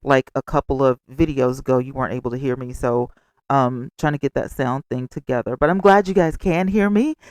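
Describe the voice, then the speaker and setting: A man hosting a gossip vlog with casual, expressive commentary and chatty asides, speaking close to the microphone. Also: mid-range voice, fairly quick, clean tone, no echo. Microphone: close microphone without a cover.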